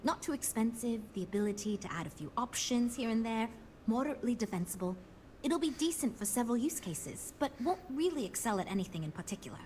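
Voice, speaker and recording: Game team leader played by a woman: earnest, conciliatory, businesslike, animated delivery, slightly high. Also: quick pace, a little hiss or hum, lightly acted. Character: earnest, diplomatic woman leading a ship design team. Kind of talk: scripted game dialogue.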